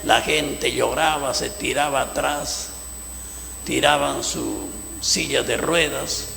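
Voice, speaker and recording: A gravelly-voiced pastor delivering a fervent sermon, his tone bright and cutting. He drops soft, then bursts out loud. The sound rings through a big church hall with a long reverb. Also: mid-range voice, takes it slowly. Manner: fervent preaching, swings between soft and loud.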